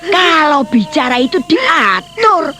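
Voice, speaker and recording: A woman's voice: high-pitched, very animated, slow, pushed and bright, exaggerated voice. An actress playing a fretful, scolding old village grandmother, in a radio drama over music. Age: older. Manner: scolding, wailing, exclaiming. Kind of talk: Javanese radio drama acting.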